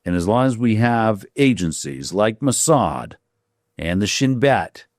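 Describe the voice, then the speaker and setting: A man hosting a podcast interview, talking in emphatic, drawn-out declarations. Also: lowish voice, sing-song, dry recording, clean studio sound. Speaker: podcast host.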